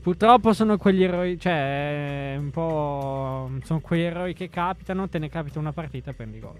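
A man talking casually about football as a panelist, in a halting way, often correcting himself mid-sentence. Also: fairly high pitch, clean tone, faint music behind. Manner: halting, hedging, self-correcting.

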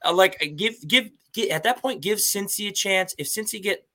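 A man's voice: high voice, brisk, bright, forceful tone. A man co-hosting a casual college football podcast, talking loosely, laughing often and swearing casually. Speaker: podcast co-host. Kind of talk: casual sports chat.

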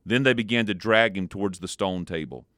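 A man hosting a devotional program, reading a story aloud in a measured, expressive way and then adding a short spiritual reflection. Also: on the low side, dry recording, studio quality. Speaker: devotional podcast host.

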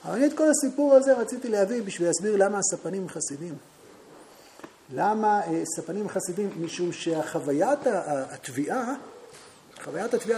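Against a noisy background, a high-voiced Talmud teacher relates a story to his class, poses questions to them, and at times breaks into loud, spirited outbursts.

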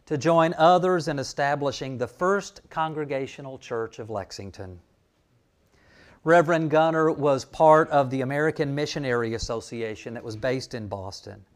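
A man pastor giving a conversational sermon, reading scripture and telling church history. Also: mid-range voice.

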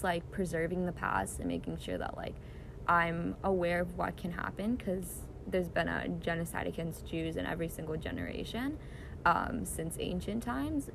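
A woman's voice: fairly low pitch, gravelly, noisy background. A young woman born in Israel and raised in the US, answering interview questions earnestly with many fillers, recorded on a phone in a backyard. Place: outdoors in a backyard.

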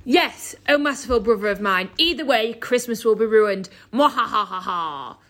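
Casting: woman as grandiose evil sister for audio drama, theatrical villain menace, fairly high voice. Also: normal speed, close to an everyday voice. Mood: gloating.

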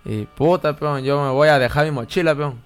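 A man's voice: a little high, moderate pace, clean tone. A young man with a Peruvian Spanish accent, co-hosting a podcast, telling crude, slangy stories and laughing often. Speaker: podcast co-host. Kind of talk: casual chat.

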